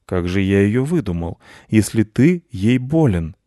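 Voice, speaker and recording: A man's voice: lowish voice, very animated, unhurried, mellow, no room sound, studio quality. A man voicing a lazy, self-important male house cat who lectures in a storybook reading. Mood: lecturing. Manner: pompous and lecturing.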